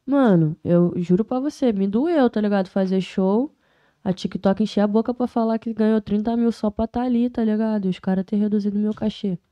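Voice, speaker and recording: A young woman talks as a guest on a casual podcast, dropping street slang and pressing her points with feeling. Her voice is mellow and warm, and the recording sounds a little dull and muffled. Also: mid-range voice, a little fast. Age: 20s. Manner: street slang, emphatic and heartfelt. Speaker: rapper guest.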